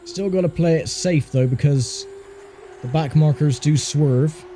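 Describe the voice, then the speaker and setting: A man's voice: on the high side, a little slow, warm tone, faint music behind. A man giving casual, conversational commentary while he plays a racing game, with mildly grumbling asides. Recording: faint car engine noise behind voice. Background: racing game engine sound.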